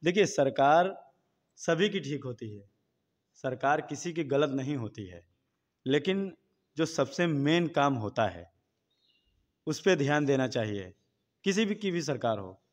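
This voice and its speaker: A man being interviewed who speaks softly at first and then declaims political couplets with rising force. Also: on the high side, sing-song, unhurried, long pauses, in a large hall. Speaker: interviewee, local political campaigner. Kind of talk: recited political couplets and appeals.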